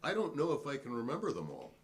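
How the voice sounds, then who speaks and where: A man reads the part of a hearing witness in a dramatic transcript, defiant and proud of his principles, speaking formally and pointedly. He talks fast at a medium pitch with huge pitch swings, his mood matter-of-fact and proud.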